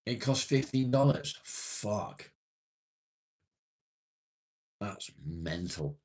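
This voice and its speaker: Here a man in his late forties runs a casual livestream, reading out viewer comments, chatting matily and swearing from time to time. His voice is lowish with a darkish tone, and he speaks slowly yet animatedly.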